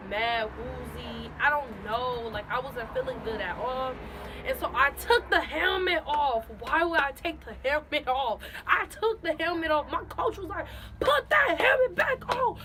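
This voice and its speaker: A young woman in her late teens telling a casual storytime to her camera, animated and repeating phrases for emphasis. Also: high voice, noisy background. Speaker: vlogger.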